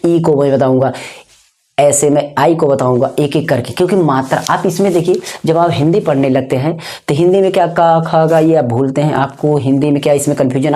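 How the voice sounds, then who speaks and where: A man's voice: mid-range voice, dark tone. A man teaching as a channel host, explaining step by step, repeating points and often checking that students follow. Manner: repetitive, often checks understanding; spells letters out slowly. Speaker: English teacher.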